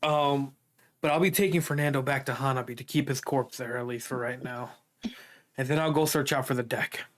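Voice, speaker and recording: A man running a tabletop game among friends, talking casually and breaking into laughter now and then. His voice sits in a middle pitch. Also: fairly quick. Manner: casual, laughs often, relaxed. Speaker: game master.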